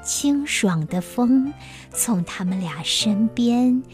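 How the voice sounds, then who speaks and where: A woman telling stories to young children, explaining things gently like a kindergarten teacher. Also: fairly high pitch, expressive, slow. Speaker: children's storyteller. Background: music.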